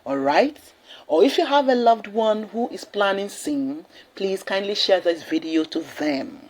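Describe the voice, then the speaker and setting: A woman's voice: mid-range voice, very animated, a little slow, slight background noise. A Nigerian woman hosting an explainer video, talking straight to the viewer with emphasis, repeating points and checking in with "all right?". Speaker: video host. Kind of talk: direct-to-camera explainer.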